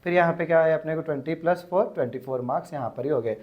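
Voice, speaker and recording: A man teaching an exam-prep grammar lesson, explaining step by step and repeating words slowly to dictate. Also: on the high side, dull audio.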